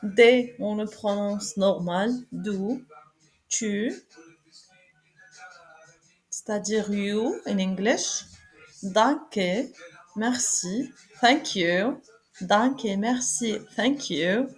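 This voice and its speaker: Slow-paced woman teaching a German lesson. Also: medium pitch. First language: Arabic. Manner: repeats each word in German, French and English; hesitant, with fillers. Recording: soft music behind.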